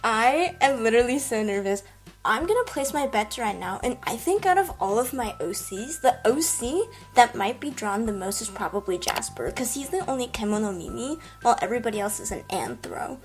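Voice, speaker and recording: A woman's voice: on the high side, animated, fairly quick, faint music behind. A woman artist vlogger talking casually and enthusiastically straight to her viewers. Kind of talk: casual vlog chat and voice-over narration.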